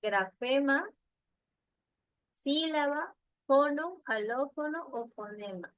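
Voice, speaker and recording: A woman teacher leading an online class, patiently asking questions and repeating answers slowly over a video call. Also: high-pitched, expressive, a bit bright, no echo, poor audio.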